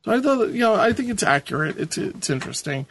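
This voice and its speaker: A man's voice: high-pitched, very animated, fast, a bit bright, slightly rough. A man hosting a podcast, recapping a show in casual, rambling conversation. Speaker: podcast host. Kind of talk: casual episode recap chat.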